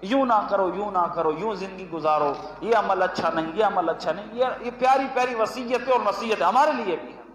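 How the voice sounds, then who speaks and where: High-voiced Punjabi preacher in an echoing hall. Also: male voice, fairly bright tone, a little hiss or hum. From Pakistan, Punjab. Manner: chants Arabic verses slowly, then explains them with emphatic repetition. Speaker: religious scholar giving a weekly lesson. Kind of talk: sermon. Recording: echoey hall with long reverb, faint ambience.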